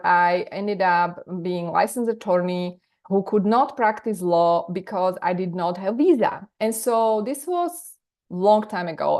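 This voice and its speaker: Over a video call, a business coach from Slovakia runs a live online masterclass, her mid-range voice carrying a darkish tone and a Slovak accent. She's energetic, frequently doubling up words to stress them.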